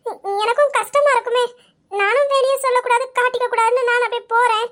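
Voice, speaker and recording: A tender young daughter-in-law in a family audio drama, voiced by a woman. Her voice is very high and soft, and she speaks with tearful, pleading emotion. She sounds young and vulnerable. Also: fairly even intonation, fast. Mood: hurt.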